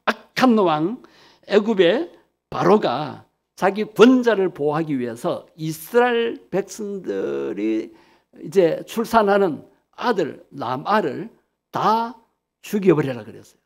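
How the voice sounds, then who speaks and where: A man's voice: high-pitched, sing-song, a little slow, gravelly. A male pastor preaching a sermon emphatically, leading the congregation in repeating phrases.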